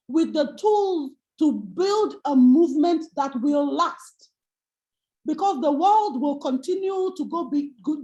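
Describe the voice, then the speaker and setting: A woman with a high voice delivers an impassioned panel speech. She builds her point through rhetorical questions and rousing calls to action. The call audio is dull and lo-fi. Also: a little mellow. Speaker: panel speaker.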